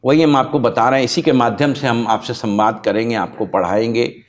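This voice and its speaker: A man's voice: mid-range voice, steady tone, a little fast. A male law teacher giving a lecture-style channel introduction, stressing key points emphatically, repeating them, and spelling out words letter by letter.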